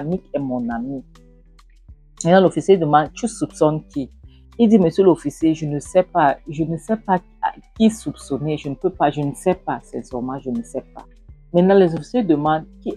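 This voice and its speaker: A woman retelling a film plot scene by scene, acting out the characters' shouted lines as she goes. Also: low voice, breathy edge, dry recording. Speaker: film recap narrator.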